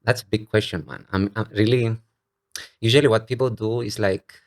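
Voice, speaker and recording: In a personal, reflective interview, a Cyprus-based man in his thirties who was born in Bulgaria talks from a home studio set up at a dining table. His voice is lowish and fairly even in intonation, and he keeps a moderate pace.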